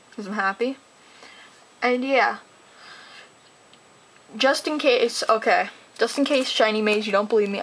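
Fast, rambling teenage girl. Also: medium pitch, poor audio. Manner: gushing, excitable. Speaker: card collector vlogger. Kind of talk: casual unboxing chat.

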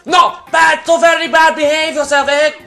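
A man voicing a frantic, fussy male egg keeper in a put-on accent, shrill and scolding. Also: level tone, normal speed, creaky, bright, forceful tone, soft background music, full character voice. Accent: put-on foreign accent.

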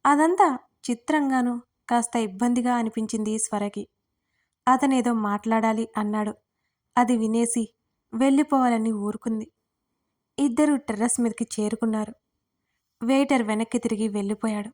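Woman narrating an audio story, slightly high voice. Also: normal speed, pauses often, a little mellow. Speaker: writer and narrator.

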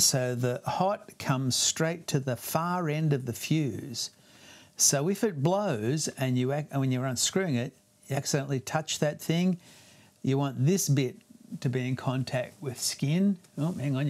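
Male amp tech talking viewers through a bench repair: conversational, mid-pitched, explains as he works, pokes fun at himself. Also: darkish tone. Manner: chatty, explains step by step while working. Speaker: guitar amp repair technician. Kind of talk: hands-on repair tutorial.

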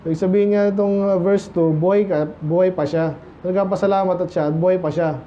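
High-voiced Filipino pastor preaching conversationally. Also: male voice, steady tone, quick pace, mellow, lo-fi sound, slight background noise. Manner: conversational preaching, asks the congregation questions. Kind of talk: sermon. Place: church.

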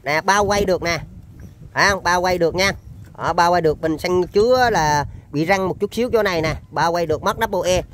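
A man's voice: high voice, brisk, a bit bright, slight background noise. A man with a Southern Vietnamese accent giving an informal sales demonstration of used machinery, in chatty, repetitive patter.

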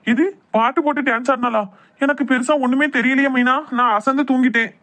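A sleepy, indecisive young husband, voiced by a woman, speaking hesitantly in Kanyakumari Tamil. He talks fast in a fairly high voice and keeps trying to placate both sides. He is a character from a family comedy skit. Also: steady tone, a bit bright. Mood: placating.

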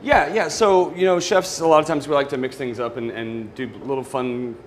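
A man's voice: mid-range voice, fairly even intonation, normal speed, slight background noise. A man in his forties, a guest chef on a TV studio kitchen set, talking in an easygoing way and often repeating words as he cooks. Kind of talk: live TV cooking demo.

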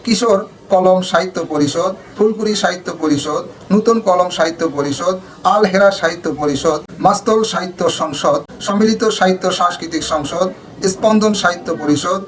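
A man narrating for an online news channel, reading out a long list of names in a steady flow, with a Bangladeshi Bengali accent. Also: high-pitched, low-quality recording.

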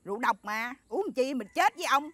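A woman's voice: sits high, expressive, fast, very noisy. A woman with a Southern Vietnamese accent playing a scolding wife in a comedy skit. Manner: scolding, sharp-tongued.

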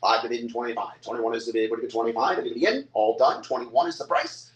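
An older man runs a live-stream auction indoors, likely in a hotel room or lounge, describing each item in chatty salesman patter and calling out bids. His mid-range voice moves at a quick pace, and the room is echoey.

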